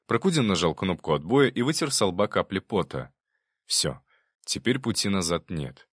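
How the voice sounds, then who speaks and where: A man reading scripted narration for an audiobook in a lively, expressive way. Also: deep voice, normal speed, breathy edge, no room sound, studio quality.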